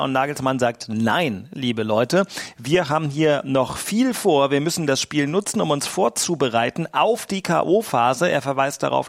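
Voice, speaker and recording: Guy reporting football for morning radio, gravelly voice, bit higher pitch, dry humor. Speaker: World Cup reporter.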